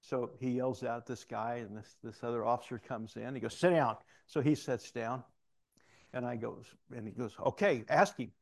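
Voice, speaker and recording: A man's voice: mid-range voice, flat delivery, moderate pace, vocal fry, darkish tone. A middle-aged man preaching a sermon, telling a personal story and acting out the voices of the people in it. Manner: storytelling, acts out quoted voices with asides.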